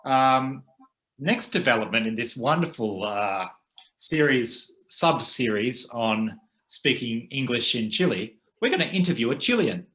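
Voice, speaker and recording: Male co-host, measured and halting delivery, roomy sound. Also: mid-range voice, animated, bright, forceful tone. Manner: thoughtful, hesitant with frequent "uh" pauses. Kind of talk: casual conversational chat. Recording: roomy echo.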